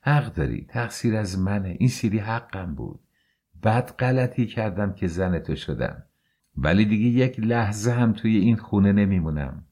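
A man voicing an angry, defiant young wife in an audiobook, throwing back sharp, scornful retorts. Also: fairly low pitch, expressive, husky. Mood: bitter. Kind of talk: audiobook character voice.

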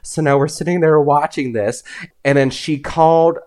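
A man's voice: fairly high pitch, fairly even intonation, normal speed, a little mellow. A young man, a podcast guest, telling a long story in a loose, rambling way full of "like"s. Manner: rambling, lots of "like"s. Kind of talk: casual storytelling.

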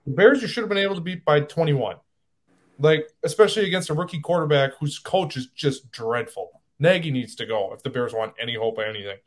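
Male podcast host, higher-pitched, emphatic and animated in casual sports talk. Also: brisk. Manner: animated, gets worked up and emphatic.

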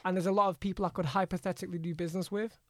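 A man's voice: sits high, little pitch movement, rapid-fire, fairly bright tone, no room sound. A man with an urban London roadman accent, telling stories casually in slang as a podcast guest and repeating his phrases. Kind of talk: casual conversational storytelling.

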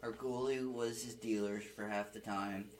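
Young man, podcast guest, low voice, animated storyteller, casual swearing. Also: moderate pace, a little hiss or hum, poor audio. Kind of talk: casual chat.

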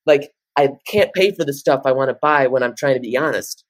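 A man in his late teens co-hosting a podcast, rambling through animated casual chat. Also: medium pitch, fairly quick, no echo. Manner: rambling, animated, jumps into loud off-key singing. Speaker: podcast co-host.

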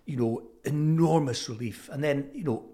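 An elderly man from Fife speaks with his local Scottish accent at a medium pitch. He talks as a guest in an interview, reflective and conversational. His delivery is thoughtful and halting, with plenty of pauses. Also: dark tone. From Fife, Scotland. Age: 70s.

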